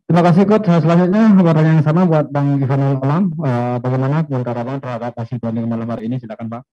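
A man runs a football press conference with polite, formal phrasing, handing the floor to speakers and reading questions aloud. His voice sits at a middle pitch. The recording is dull and lo-fi. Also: fairly even intonation, fast. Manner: polite, reads out reporters' questions. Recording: dull lo-fi sound.

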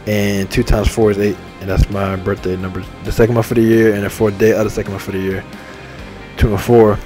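Brisk but flat, a young man in his twenties with a low voice hosts a gaming channel, rambling over the game menu as faint music plays. He stays upbeat and repetitive, tossing out enthusiastic shout-outs.

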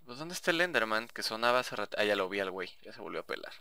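A man's voice: fairly low pitch, sing-song, rapid-fire, pushed and bright, no room sound, clean studio sound. A young man with a Mexican Spanish accent giving casual, chatty gameplay commentary, swearing and talking to himself. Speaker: gaming YouTuber.

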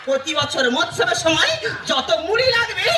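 A woman playing an exasperated village wife in a broad stage comedy, scolding in a shrill, melodramatic way. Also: lively intonation, moderate pace. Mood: nagging. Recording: echoey stage PA, distant, loud music.

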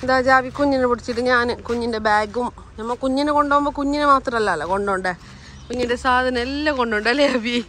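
A woman's voice: a little high, fast, a bit bright. A young woman, giving brief practical replies in a casual family chat.

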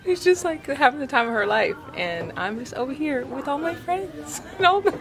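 A woman's voice: high voice, expressive, normal speed, creaky, crowd noise. A young woman hosting a casual vlog while book shopping, chatty and giggly, recorded in a bookstore. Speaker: vlog host.

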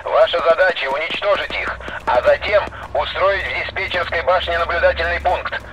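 Commander ordering troops over a walkie-talkie. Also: male voice, fairly high pitch, normal speed, a bit bright, muffled recording. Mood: commanding. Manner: clipped, formal military radio protocol. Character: male squad commander calling orders by radio. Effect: heard over a walkie-talkie radio. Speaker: military commander giving orders. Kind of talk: scripted game voice acting. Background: game music.

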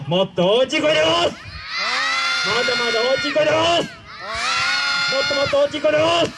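An actor playing a pompous male android villain, speaking grandly to a live show crowd and shouting his calls. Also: high-pitched, heavy background noise, natural voice. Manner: grandiose commanding speech, loud shouted calls. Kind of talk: live character-show acting.

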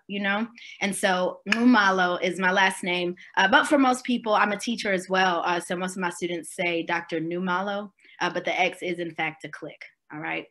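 A woman in her forties from Swaziland speaks on a video call from a room at home, her voice bright and clear in tone. She talks in a relaxed, conversational way, pausing with fillers and checking in with her listeners. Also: mid-range voice, a little hiss or hum. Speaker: keynote speaker. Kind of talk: virtual keynote talk.

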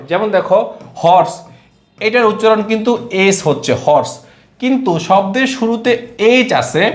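A man teaching an exam-prep grammar lesson who asks his students questions and then answers them himself, going over each rule again. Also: high voice. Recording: echoey room.

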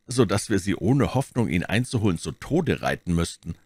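A man reading the part of a calm musketeer in an audiobook, measured and persuasive. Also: low voice, no echo. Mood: reasoning. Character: male musketeer, calm and reasoning.

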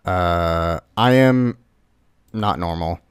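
A man's voice: deep voice, drawn-out words, smooth, no room sound, clean studio sound. A man hosting a gaming video, giving casual reaction commentary on a horror game. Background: music.

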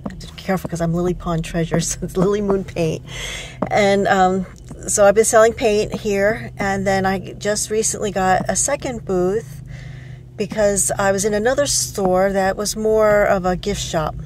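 With background noise behind her, a woman in her fifties speaks in a mid-range voice with fairly even intonation and a moderate pace. She's showing her antique booth items in a relaxed vlog filmed in her living room, then her car and an antique mall, often saying um and correcting herself.

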